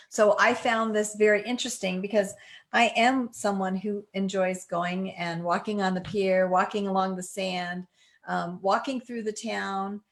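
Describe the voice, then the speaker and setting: A woman's voice: medium pitch, a bit bright. A woman moderating a candidate forum over a video call, friendly and informal.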